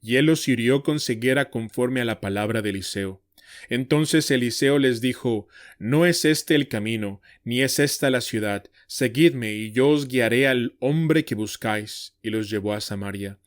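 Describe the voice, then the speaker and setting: A man giving a measured, scripted Bible reading with slowed quoted lines. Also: mid-range voice, no room sound, clean studio sound. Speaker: Bible reader.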